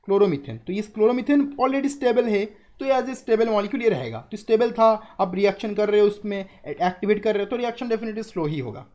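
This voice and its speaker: A man's voice: sits high, lively intonation, fairly quick, few pauses, darkish tone. A young adult man teaching chemistry in a live online class, explaining step by step, repeating key terms and asking students questions.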